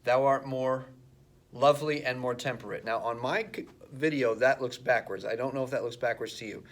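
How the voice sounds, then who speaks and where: A male teacher recording a video lesson for his students, explaining verse slowly and stressing syllables aloud. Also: mid-range voice, steady tone.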